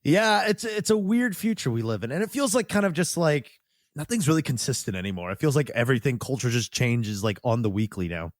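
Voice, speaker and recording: A man's voice: medium pitch, sing-song, brisk, no room sound, clean studio sound. A man hosting a podcast and chatting casually. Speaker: podcast host. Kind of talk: casual chat.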